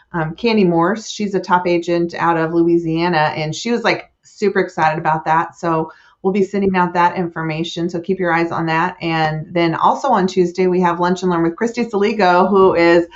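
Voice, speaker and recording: A woman's voice: on the low side, muffled recording. A woman hosting a casual weekly staff wrap-up, chatty and enthusiastic, with frequent fillers.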